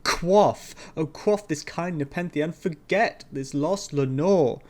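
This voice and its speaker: Man acting a grief-maddened, desperate man, loud and raised. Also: fairly high pitch, slow pace, voice pushed up. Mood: anguished. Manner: theatrical, impassioned, loud. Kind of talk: dramatic gothic poetry reading.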